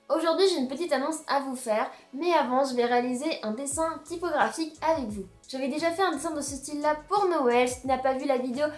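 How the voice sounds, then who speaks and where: Young female tutorial host, high voice, friendly step-by-step explainer, faint music bed. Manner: chatty, explains each step. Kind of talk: friendly how-to narration.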